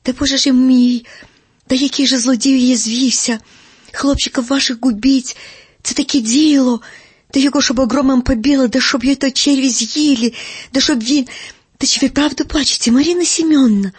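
A reader voicing a sly old man with a Ukrainian accent who wails and swears oaths in a shrill raised voice. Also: expressive, moderate pace, slightly rough, no room sound. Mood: wailing. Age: older. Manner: wailing, swearing oaths, rising to high shrill pitch. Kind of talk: audiobook character reading.

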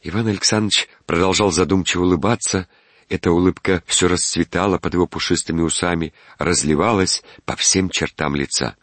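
Deep-voiced male storyteller, husky, expressive classic-prose reading. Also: a little fast, dry recording. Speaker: narrator. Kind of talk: scripted narration of a classic story.

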